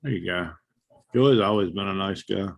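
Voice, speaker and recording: A man's voice: low voice, normal speed, creaky. A man in his sixties chatting casually, with folksy wisecracks. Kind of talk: casual chat.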